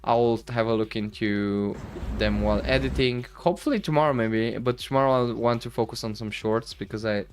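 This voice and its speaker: A man's voice: medium pitch, fairly even intonation, normal speed, few pauses, a little hiss or hum. A young man from the Balkans chatting casually on a stream over vlog footage, rambling with lots of fillers and laughing easily. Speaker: streamer host.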